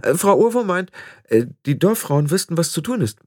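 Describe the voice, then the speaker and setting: A man voicing a frantic young witch who stammers in a high, strained voice for an audiobook. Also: animated, a little fast, dry recording, studio quality. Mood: hesitant. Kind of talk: audiobook character voice.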